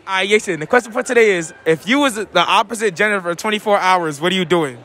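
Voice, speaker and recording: A teenage boy interviewing classmates in a loud school cafeteria, laughing often and repeating his question into a phone. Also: high voice, fast. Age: teens. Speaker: street-style interviewer. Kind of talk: casual hype interviewing. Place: school cafeteria and auditorium, indoors. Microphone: phone held out to guests. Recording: loud chatter and hip hop music behind.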